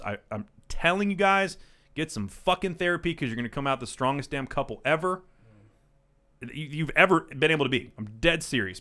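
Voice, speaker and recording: A man in his thirties talks quickly in a loose, unscripted chat. He rambles, restarts and swears a lot, and drives his points home with emphatic energy. His voice sits at an ordinary pitch. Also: fairly bright tone. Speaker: podcast co-host. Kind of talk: casual chat.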